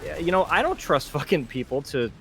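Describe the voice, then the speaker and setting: A man's voice: a little high, sing-song, fairly quick, gravelly, slight background noise. Man ranting heatedly with lots of swearing. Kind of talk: casual gaming chat.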